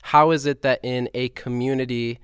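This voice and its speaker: A man's voice: mid-range voice, fairly even intonation, normal speed, clean tone, no echo, clean studio sound. A man co-hosting a casual interview, asking questions in an informal, easygoing way. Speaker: podcast co-host.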